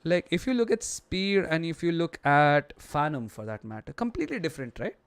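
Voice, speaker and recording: A thirty-year-old man with an Indian accent chats casually on a livestream in a lax, mellow, low-energy way, slipping Hindi phrases into his English. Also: fairly quick, clear, resonant tone. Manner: low-key, relaxed, lax, low-energy delivery. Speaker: live streamer. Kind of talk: casual chat with viewers on a livestream.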